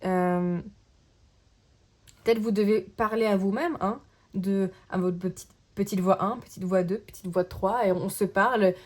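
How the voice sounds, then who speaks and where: Gentle woman reading tarot cards. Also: medium pitch, fairly even intonation, a little slow. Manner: gentle, searching, often checks in with the listener. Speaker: tarot card reader. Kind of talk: casual tarot reading to camera.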